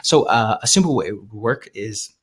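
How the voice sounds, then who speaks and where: Lowish-voiced man hosting a webinar. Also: lively intonation, normal speed, breathy edge. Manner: conversational, many fillers and restarts. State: voice going a little hoarse. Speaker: webinar presenter. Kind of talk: live webinar sales pitch.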